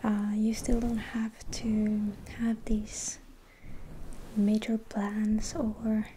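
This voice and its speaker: Slow, dark whispered pep talk from a woman. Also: mid-range voice, monotone, slight background noise. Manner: hushed, breathy whispering and soft-spoken; gentle, slow, reassuring delivery with pauses. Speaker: ASMR host.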